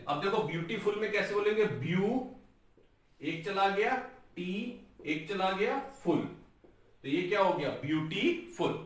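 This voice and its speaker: A man teaching an English lesson, sounding out words slowly syllable by syllable and calling his viewers guys. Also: high voice, a bit bright, distant mic. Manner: breaks words into slow, drawn-out syllables, addresses viewers as guys. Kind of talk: classroom-style lesson on a whiteboard. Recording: very echoey room, voice from off-mic.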